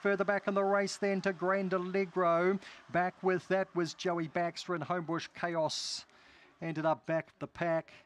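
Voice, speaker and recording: High-pitched New Zealand greyhound race caller, male. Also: flat delivery, unhurried. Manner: clipped phrases, listing runners in order. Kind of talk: live race commentary.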